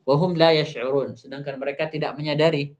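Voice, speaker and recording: A man teaching Quran recitation rules, explaining an Arabic text step by step, repeating each example slowly. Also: fairly high pitch, fairly even intonation. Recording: dull muffled online audio.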